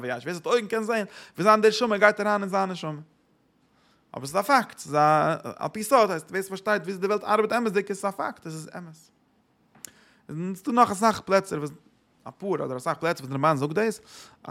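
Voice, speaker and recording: A man gives a Torah lecture in a somewhat high, gravelly voice. He poses rhetorical questions and answers them himself, slipping English words into his explanations. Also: fairly bright tone.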